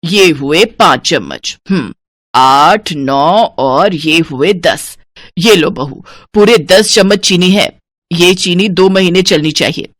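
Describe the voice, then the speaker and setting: A woman doing a bossy penny-pinching older mother-in-law, scolding tone, low voice, dry close sound, cartoon story. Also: animated, takes it slowly, a bit bright, dry recording, full character voice. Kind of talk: cartoon voice acting.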